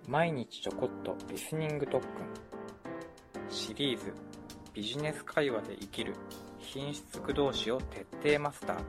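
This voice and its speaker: A man narrating a scripted language lesson in a measured, explanatory way. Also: mid-range voice, over loud music.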